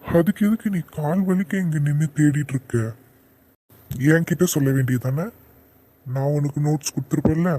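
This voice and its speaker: A man's voice: on the high side, normal speed, pauses often, mellow, lightly acted. A man voicing a stern young lecturer. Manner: firm, questioning. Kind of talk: cartoon voice acting.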